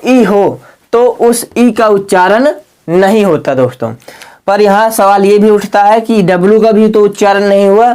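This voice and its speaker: A man teaching English reading rules in a lesson video. He asks his students rhetorical questions and spells words out slowly, letter by letter. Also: sits high, a little mellow. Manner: keeps asking the class rhetorical questions.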